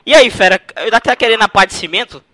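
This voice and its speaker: A man's voice: high voice, quick pace, pushed and bright, no echo. A man making a prank phone call, teasing the person on the line in a playful, mock-innocent way. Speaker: prank caller.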